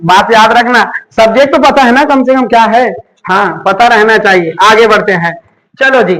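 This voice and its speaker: A man lectures a class in a loud, call-and-response style, firing questions at his students. His voice sits very high and rings bright and forceful. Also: low-quality recording. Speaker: teacher. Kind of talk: classroom lecture with memory tricks.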